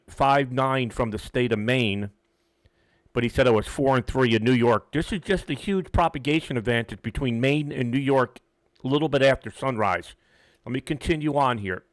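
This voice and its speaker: A man's voice: mid-range voice, no echo. A man working as an amateur radio operator, making live contacts and antenna tests, repeating words and call signs methodically.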